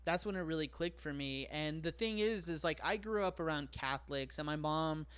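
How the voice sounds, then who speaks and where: A man's voice: on the high side, normal speed, fairly bright tone, clear, resonant tone. A man talking as a podcast guest in casual chat. He speaks frankly and profanely, with lots of fillers and self-deprecating humor.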